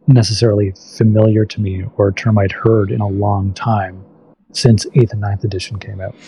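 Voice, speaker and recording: A man talks casually on a podcast, his voice low, husky and mellow. He often restarts mid-thought and loops back to his point in a relaxed, conversational way. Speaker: podcast guest. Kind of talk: casual chat.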